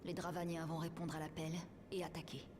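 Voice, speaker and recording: A woman voicing a solemn young male noble in a game, with a formal, measured delivery. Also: sits low, flat delivery, noisy background, lightly acted. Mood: grave. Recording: game music clearly behind.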